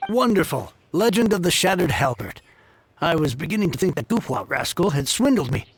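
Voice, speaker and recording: A man's voice: a little high, sing-song, fairly quick, a little hiss or hum. A man playing an effusive, formal heir of a fallen merchant family in a video game, speaking earnestly and wordily. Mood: surprised, disdainful.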